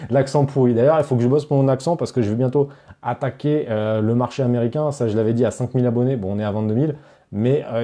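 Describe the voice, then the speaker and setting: With a mellow, mid-range voice, a course creator hosts a casual live stream. He addresses viewers directly, reads out their chat questions, and answers them with frequent fillers and restarts.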